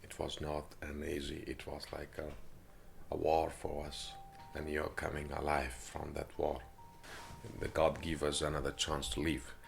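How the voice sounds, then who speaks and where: A man from Afghanistan, speaking halting with many hesitations as he gives personal testimony in an interview, recorded in an apartment. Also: very deep voice, monotone, gravelly, soft background music. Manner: halting non-native English with frequent hesitations.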